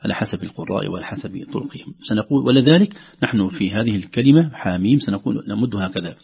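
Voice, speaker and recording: On the radio, a man gives a tajweed lesson, walking through Quran recitation step by step and stretching out sounds to show them. His voice is fairly low and expressive, with vocal fry and a breathy edge, and he talks fast. The radio audio is dull and lo-fi.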